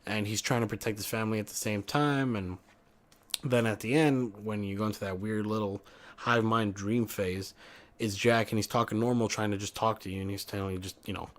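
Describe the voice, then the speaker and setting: Young guy w a lowish voice ranting thru a game review, swears a lot, keeps fixing what he just said. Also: fairly even intonation, a little fast. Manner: rambling, profane, self-correcting.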